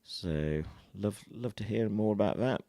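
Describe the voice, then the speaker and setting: A man hosts live radio in a fairly deep voice. He talks off the cuff and haltingly, filling time, with a very dry studio sound. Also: warm tone, dry recording. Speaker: radio host. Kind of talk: live unscripted radio presenting.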